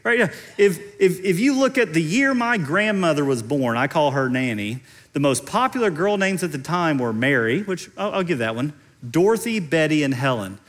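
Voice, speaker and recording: Animated Kentucky-accented man preaching, high-pitched. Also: normal speed. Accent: Central Kentucky. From central Kentucky, United States. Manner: conversational, explanatory, repeats phrases for emphasis. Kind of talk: teaching sermon on stage. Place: large indoor stage.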